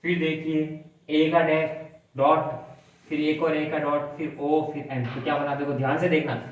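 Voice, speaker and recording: Male tutor, slightly high voice, drills by question and answer, echoey room, mic set back. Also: flat delivery, a little slow, far from the mic, lo-fi sound. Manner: asks and answers his own questions, repeats words for drilling. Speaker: shorthand teacher. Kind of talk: classroom-style tutorial explanation.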